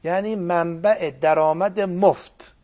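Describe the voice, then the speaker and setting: An older man, a cleric whose first language is Azerbaijani Turkish, telling religious stories in an animated preaching manner with a husky, gravelly voice. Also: high-pitched. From Turkic-speaking region of Iran. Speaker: cleric guest speaker. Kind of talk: religious storytelling talk.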